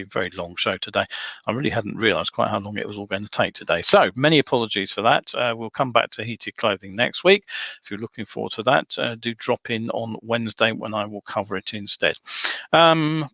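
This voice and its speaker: A man speaks alone into a desk microphone, hosting a live webcast. His voice is bright and forceful, recorded dry and close. He talks in a measured, advisory way, pausing on ums and uhs. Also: mid-range voice, no room sound. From United Kingdom. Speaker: host of a motorcycle safety webcast. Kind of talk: solo live webcast talk.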